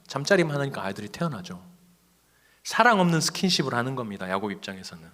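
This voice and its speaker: A middle-aged man, a pastor, preaching a sermon in a church, moving between loud emphasis and soft whispers. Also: mid-range voice. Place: church sanctuary.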